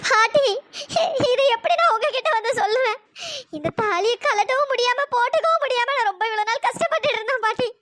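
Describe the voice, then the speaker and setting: A voice actor playing an anxious, apologetic young woman in a cartoon story, with a pitch-raised processed voice. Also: fast, sharp tone, no echo. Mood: pleading. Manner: pleading, apologetic.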